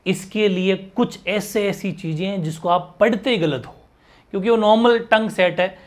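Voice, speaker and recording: A young man leads an exam-prep grammar lesson in a fairly high voice. He keeps asking his students rhetorical questions and says each letter sound aloud, often more than once. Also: normal speed. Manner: explains with many rhetorical questions and repeated sounds. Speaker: teacher.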